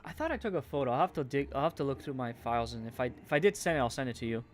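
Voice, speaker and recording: A man's voice: mid-range voice, expressive, rapid-fire. A man with a Canadian accent chatting casually on a stream while building a Lego set, rambling with fillers and trailing off as he tries to recall things. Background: faint game music.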